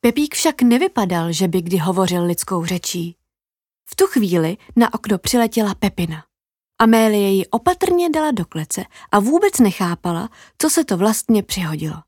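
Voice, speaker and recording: A woman narrating a children's fairy tale in an expressive, lively storytelling manner with dramatic pauses. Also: medium pitch, slightly rough, dry recording, studio quality.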